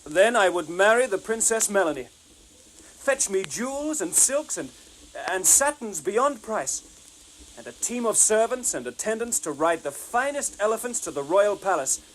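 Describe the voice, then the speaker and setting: An actor playing an earnest, bold young lad of humble birth, declaiming in an audio storybook. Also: male voice, high voice, big pitch swings, a little slow, fairly bright tone, a little hiss or hum, heavily acted, low-quality recording. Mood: bold, ardent. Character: earnest, bold young man, poor tailor's son.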